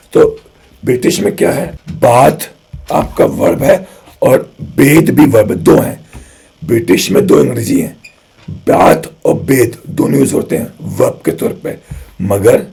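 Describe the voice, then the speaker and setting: A man's voice: medium pitch, vocal fry, slightly rough. A man with an Indian accent teaching spoken English, who explains patiently, repeats his key phrases and keeps asking rhetorical questions. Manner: chatty and lively, asks rhetorical questions.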